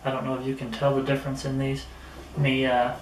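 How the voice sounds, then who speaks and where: The recording comes from a camera a few metres away in a small, echoey indoor room, so it sounds distant and noticeably noisy. There a middle-aged man sits at a table giving a relaxed gear review to camera, mild in manner and fairly flat in pitch.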